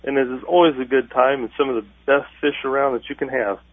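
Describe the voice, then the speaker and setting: Man taped off the radio, halting with fillers, thin phone-like sound, dry. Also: medium pitch, fairly even intonation, dry recording. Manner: halting, many filler pauses. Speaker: farm organization president, radio guest. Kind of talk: radio interview.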